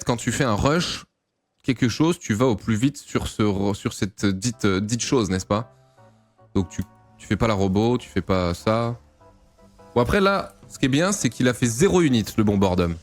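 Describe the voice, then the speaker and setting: A man from France casually commentating a game replay, playful and teasing, with loud exclamations and swearing. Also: on the low side. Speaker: StarCraft grandmaster analysing a replay.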